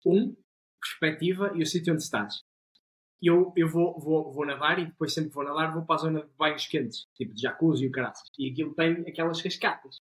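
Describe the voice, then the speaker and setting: A man's voice: fairly high pitch, a little fast. A young man with a European Portuguese accent, chatting on a podcast with enthusiasm and plenty of slang and swearing. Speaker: podcast co-host. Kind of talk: casual podcast chat.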